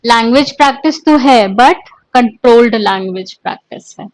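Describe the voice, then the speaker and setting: A woman with an Indian English accent teaching an exam-prep English lesson, dictating terms slowly and then explaining them in Hindi. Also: on the high side, no room sound, rough recording. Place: coaching class or studio.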